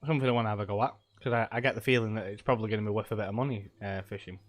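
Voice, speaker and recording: A middle-aged man, stuffy from a cold, rambles casually while live-streaming a game, full of ums and laughs. His voice is on the low side and steady, and he talks very fast.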